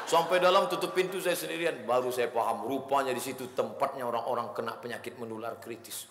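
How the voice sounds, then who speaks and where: A man preaching a sermon in a lively storytelling way, with humor and chanted Arabic phrases. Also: mid-range voice, a little fast. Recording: echoey hall.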